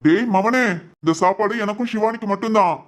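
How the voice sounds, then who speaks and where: A man's voice: sits high, fairly quick, a little hiss or hum, close to an everyday voice. A man voicing a jovial middle-aged father in a comedy cartoon, proud of his cooking and mock-stern with his son.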